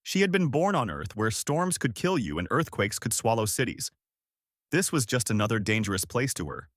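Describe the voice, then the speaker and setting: Lively male story narrator. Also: mid-range voice, normal speed, no room sound, studio quality. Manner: steady, expressive storytelling.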